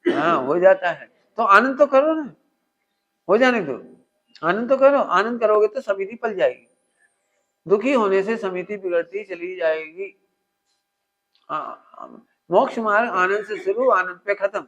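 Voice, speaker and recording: A man giving a spiritual discourse, animated, illustrating with everyday household examples and quizzing his listeners with call-and-response questions. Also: high-pitched, a little slow, long pauses. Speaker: religious teacher. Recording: dull lo-fi recording.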